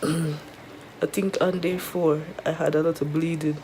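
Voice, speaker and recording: A woman with a Jamaican accent chats casually to viewers in a halting, weary way, her throat sore and mouth dry after tonsil surgery. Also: sits low, flat delivery, dark tone, slight background noise. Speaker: vlogger. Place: resting at home in bed.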